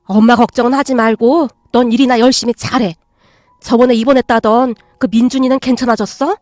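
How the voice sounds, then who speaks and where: A woman voicing a gentle, patient stepmother who speaks softly and calmly. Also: on the high side, a little fast, no echo, clean studio sound, natural voice. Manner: soft, calm, coaxing.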